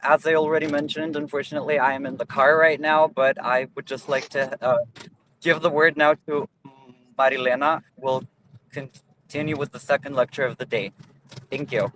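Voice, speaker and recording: A man calls in from his car to hand over to the next speaker, and loud car noise runs under his voice. He talks haltingly over the video call, with short pauses between phrases. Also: medium pitch, steady tone, rough recording. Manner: hesitant, halting. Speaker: event organizer introducing speaker. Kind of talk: brief introduction.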